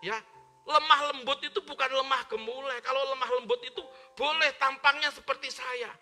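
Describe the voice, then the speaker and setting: A male pastor preaching from the pulpit in a very high, piercingly bright voice. He talks loudly and forcefully, calling on the congregation to repeat his words. The live-streamed service has faint music in the background. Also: fairly even intonation, brisk. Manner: loud forceful preaching with call-and-response prompts. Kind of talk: sermon. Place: church.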